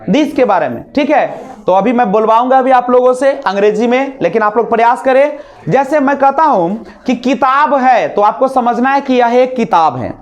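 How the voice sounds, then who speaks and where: A man teaching a spoken English class in a classroom, drilling students with repeated questions and having them repeat after him. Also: extremely high pitch. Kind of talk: classroom lesson.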